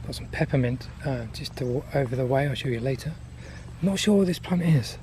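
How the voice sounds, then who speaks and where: A man giving a casual, unscripted garden tour outdoors, listing things in an unhurried, appreciative way. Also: medium pitch, animated, a little mellow. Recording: outdoor ambient noise.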